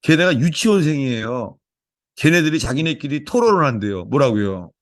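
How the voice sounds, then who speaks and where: A man's voice: mid-range voice, big pitch swings, moderate pace, no room sound, clean studio sound. A male pastor preaching in Korean, praying and then telling stories in an earnest, repetitive way. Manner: earnest, storytelling, many repetitions. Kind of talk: sermon with opening prayer.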